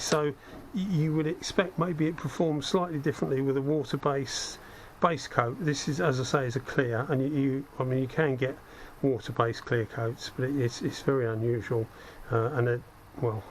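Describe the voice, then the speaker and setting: A hobbyist host shows off spray gun equipment in a relaxed, hands-on demo, talking through his thoughts as he works and tossing in self-deprecating remarks. His mid-range voice sounds a little croaky from a cold, moving at a normal pace with barely any pauses. A head-mounted action camera records him over a steady hum of workspace noise.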